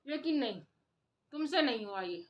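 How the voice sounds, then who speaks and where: A woman with a high voice delivers a heated opinion vlog straight to her audience. She scolds and lectures, hammering each point home by repeating it. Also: expressive, moderate pace, lo-fi sound. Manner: scolding, impassioned, repetitive. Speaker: vlogger. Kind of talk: opinion commentary to camera.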